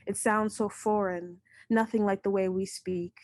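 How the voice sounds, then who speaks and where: A young woman hosts a poetry reading from home over a computer mic, reciting her own poems slowly and deliberately in a steady, slightly mellow middle-pitched voice, giving each line weight. Between poems she makes loose, chatty remarks, and the sound is clean, studio-like and free of echo.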